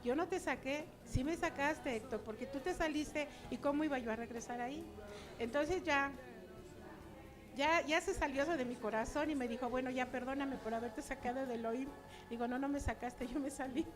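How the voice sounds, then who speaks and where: A woman's voice: high voice, fairly quick, music in the background. An older woman giving a chatty personal testimony to her church, acting out remembered dialogue.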